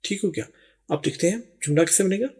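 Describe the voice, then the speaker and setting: A man teaching English as a voice-over lesson, native Urdu speaker, drawing out the English examples word by word between quicker explanations. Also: high-pitched, darkish tone, husky. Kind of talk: language lesson narration.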